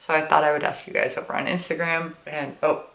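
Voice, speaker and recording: Low-voiced American woman talking with retainers in. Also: level tone, fast talker, gravelly, a bit bright. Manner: talking with retainers in, slightly lisped speech. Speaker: book vlogger. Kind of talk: casual chatty vlog to camera. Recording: roomy, echoing indoor sound.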